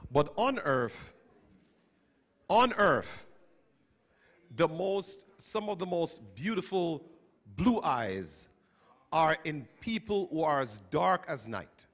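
Through a handheld mic in a school chapel, a middle-aged man with a somewhat high voice takes his time, leaving long pauses. The talk is interactive and animated, with him asking questions and calling on students.

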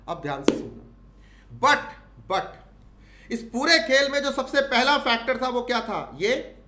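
A man's voice: sits high, a bit bright, echoey room. A male teacher with an Indian English accent, giving a classroom lecture, asking the students questions and repeating the key points.

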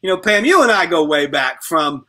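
High bright-voiced middle-aged man hosting. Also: big pitch swings, moderate pace. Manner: joking, rambling, with filler phrases. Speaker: talk show host. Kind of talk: casual panel chat.

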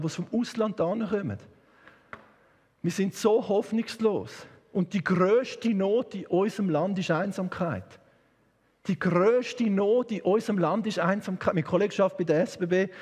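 A man's voice: high-pitched, darkish tone, slightly rough, in a large hall. A man with a Swiss German accent preaching an impassioned, emphatic sermon in a church. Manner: impassioned, emphatic, with sudden shifts of pace. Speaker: guest preacher.

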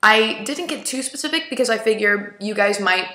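A woman's voice: mid-range voice, animated, moderate pace, sharp tone, roomy sound. A young adult woman vlogging in a casual, rambling way, full of filler words. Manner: chatty, rambling, many "like"s. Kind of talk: casual vlog chat.

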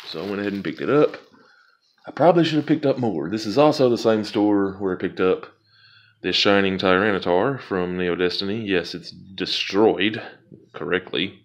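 A man's voice: low voice, muffled recording. A man casually talking viewers through opening card packs, rambling and amused at himself. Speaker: card pack opening vlogger. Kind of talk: casual unboxing commentary.

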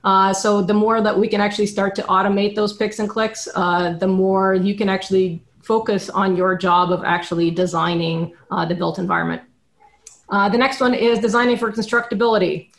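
A woman's voice: mid-range voice, fairly even intonation, brisk. A woman in her thirties, a product manager, explaining points in order on a video call from a dim room at home. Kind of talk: panel discussion on a video call. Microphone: webcam on a video call.

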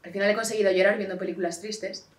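A young actress playing a young woman who feels nothing, speaking in a quiet, detached monologue. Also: mid-range voice, steady tone, quick pace, natural voice. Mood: wry, reflective. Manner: quiet, hushed and detached delivery. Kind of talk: theatrical monologue. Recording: voice from a distant mic.

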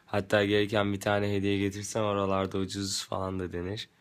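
A young man with a fairly low voice. He talks casually into his phone, as in a selfie video. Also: completely flat delivery, a little fast, clear, resonant tone. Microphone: phone at arm's length.

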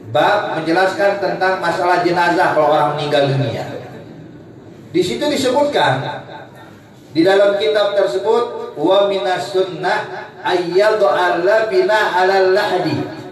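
A man's voice: high-pitched, recorded from a distance. A man from Indonesia preaching to a congregation, telling a humorous story and often addressing the listeners directly. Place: large hall with a live audience. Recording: echoey hall mic from afar with crowd.

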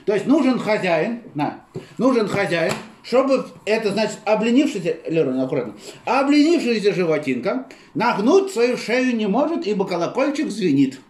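A man telling a fairy tale to a child as a costumed storyteller, improvising with wry, mock-formal asides and halting repetitions. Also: sits high, very animated, darkish tone, a little hiss or hum. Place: small living room at home. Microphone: camera across the table. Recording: roomy echo from camera distance.

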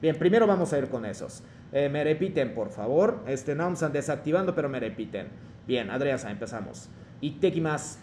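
A man teaching an online class, with halting phrasing and many fillers. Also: mid-range voice, sing-song, a little mellow, a little hiss or hum. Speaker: Japanese teacher.

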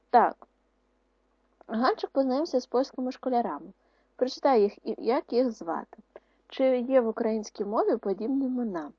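A woman teacher giving a video lesson to schoolchildren, dictating words slowly and explaining rules in a clear, instructive way. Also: fairly high pitch, no room sound. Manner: slow, syllable-by-syllable dictation of words. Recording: dry, muffled lo-fi recording.

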